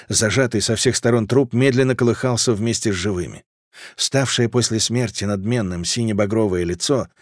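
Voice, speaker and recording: A man narrating a fantasy audiobook in a measured, dramatic reading. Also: medium pitch, dry recording, clean studio sound.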